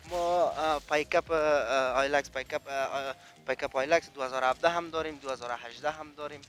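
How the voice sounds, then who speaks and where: A man's voice: on the high side, steady tone, a bit bright. A man with an Afghan accent, speaking as a car dealer in casual sales talk.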